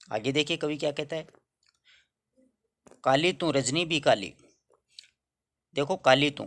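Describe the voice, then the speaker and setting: A man's voice: mid-range voice, a bit bright. Guy teaching a hindi poem, reads a verse then breaks it down, keeps asking the class what it means, normal middle voice. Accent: Rajasthani-tinged Hindi. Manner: reads a verse, then explains it in plain words with questions to students. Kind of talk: line-by-line poem explanation.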